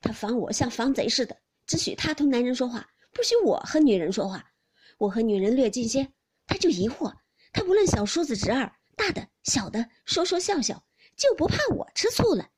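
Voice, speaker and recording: A woman's voice: on the high side, sing-song, brisk, a little mellow, husky. A woman doing a wheedling young nobleman. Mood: blustering.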